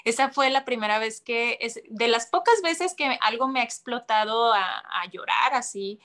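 A woman's voice: a little high, normal speed. A woman, casually telling a story as a guest and acting out voices. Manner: animated, acts out voices, laughs often.

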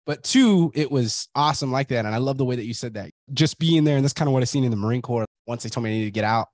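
A man's voice: medium pitch, quick pace, darkish tone, no room sound. A young man hosting a podcast, telling stories in casual chat and swearing often. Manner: profane, storytelling, swears often. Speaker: podcast host.

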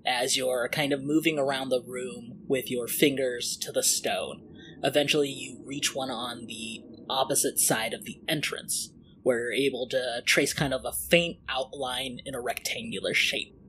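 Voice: medium pitch, fairly even intonation, normal speed, a bit bright, poor audio. Game master narrating over faint noise. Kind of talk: narrating a tabletop role-playing game.

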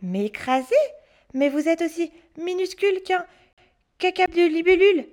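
A woman's voice: very high-pitched, animated, unhurried, darkish tone. A woman voicing a cheeky, frightened little boy in a storybook. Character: small scared boy, whiny and cheeky.

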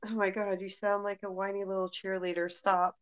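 A woman's voice: medium pitch, flat delivery, brisk, clear, resonant tone. A woman co-hosting a horror movie podcast, casual and sarcastic, teasing her co-host and swearing freely. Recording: dull lo-fi sound.

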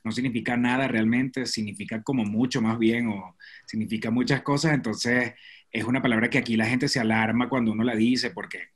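A man's voice: medium pitch, fairly even intonation, fairly quick, husky. A man from Venezuela, a pastor and actor, chatting easygoing as a podcast guest over a video call. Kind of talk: casual podcast chat.

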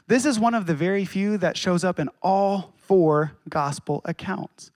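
A man preaching a sermon as pastor, with dramatic pauses and acted quotes. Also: high-pitched, a little mellow, no echo, studio quality.

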